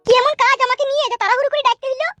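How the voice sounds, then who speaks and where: A woman's voice: very high voice, fairly even intonation, racing, pushed and bright, no room sound, voice pushed up. A woman voicing a young village wife who impatiently prods her husband. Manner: impatient, prodding.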